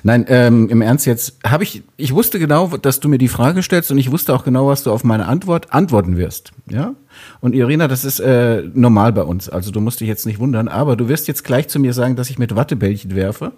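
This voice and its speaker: A man's voice: medium pitch, animated, brisk, a little mellow, slightly rough. A man co-hosting a podcast in casual chat, teasing with dry humor. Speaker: podcast co-host.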